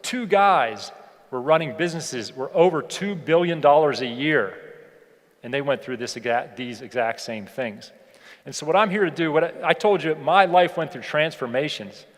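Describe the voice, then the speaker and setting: A middle-aged American man from Pittsburgh, a leadership educator, gives a motivational keynote with personal anecdotes to an audience in a large indoor hall. His fairly high voice moves at a moderate pace, conversational and emphatic, repeating key phrases. The recording is echoey, with long reverb.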